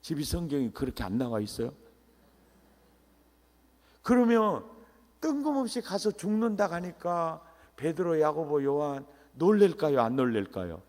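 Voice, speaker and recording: A middle-aged man preaching at a revival meeting, animated, quizzing the congregation and bursting into shouts. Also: a little high, moderate pace. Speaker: pastor, revival meeting speaker. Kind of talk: revival sermon. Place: church sanctuary. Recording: echoey church hall.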